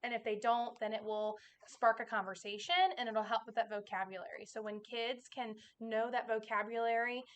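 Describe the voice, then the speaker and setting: A woman's voice: fairly high pitch, little pitch movement, moderate pace, few pauses, dull audio. A woman kindergarten teacher giving an informal, conversational presentation to parents, explaining things directly.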